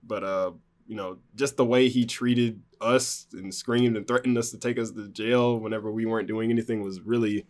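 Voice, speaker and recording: A man's voice: fairly low pitch, fairly even intonation, normal speed. A man recounting a personal story in casual conversation, rambling with many fillers and restarts. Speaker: guest telling a personal story.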